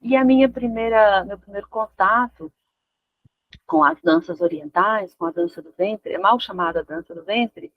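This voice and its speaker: A woman in her fifties from Argentina, a guest dancer talking casually in an interview, relaxed and pausing to find her words. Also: mid-range voice, phone-quality sound, a little hiss or hum. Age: 50s. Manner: relaxed, searching for words with restarts.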